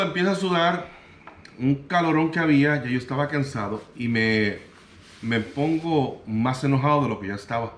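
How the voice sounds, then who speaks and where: A man from Puerto Rico with a Puerto Rican accent, telling a personal story in an animated way and acting out the other people's lines. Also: medium pitch. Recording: roomy echo.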